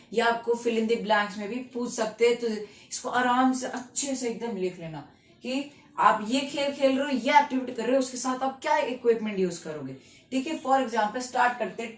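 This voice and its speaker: A woman teaching German vocabulary in Hinglish in a classroom style, explaining patiently and quizzing the listener with repeated questions. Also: on the high side. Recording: echoey room, mic at a distance.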